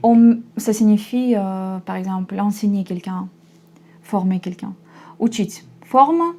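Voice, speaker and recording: A young Russian woman teaches a language lesson slowly and patiently, repeating every example. Her voice is medium in pitch and warm, with little pitch movement.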